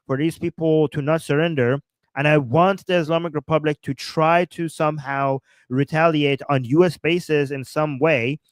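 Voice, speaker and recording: The fairly high, smooth voice of a Persian-accented man carries his casual political livestream, which he hosts with excited rambling, lots of fillers, and frequent restarts. No room sound is audible.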